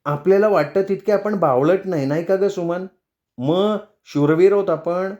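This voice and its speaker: A man's voice: sits high, normal speed, a little mellow, dull audio, pitched above the performer's own voice, close to an everyday voice. A man reading the lines of a chatty, teasing middle-aged woman friend in a storybook.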